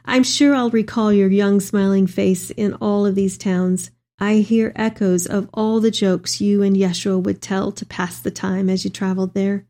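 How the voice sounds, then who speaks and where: With music behind her, a woman reads letters to a son in the role of an elderly, devout mother, tender and heartfelt in a hopeful mood. Her mid-range voice is warm and natural, level in tone and unhurried, with hardly any pauses.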